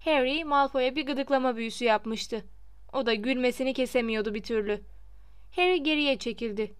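A woman's voice: fairly high pitch, smooth, no echo. A woman narrating a novel as an audiobook, reading expressively at a close microphone.

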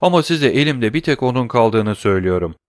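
A man voicing a humble, eager male prison doorkeeper in a storybook reading, speaking in a deferential, excited way. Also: medium pitch, fairly quick, no room sound, clean studio sound, natural voice.

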